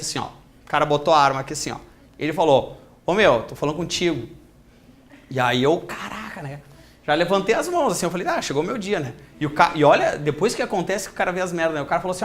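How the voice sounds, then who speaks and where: Male teacher, lively classroom storyteller, faint noise. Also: on the high side. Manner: animated storytelling, acts out quoted voices. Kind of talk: classroom lecture with a told anecdote.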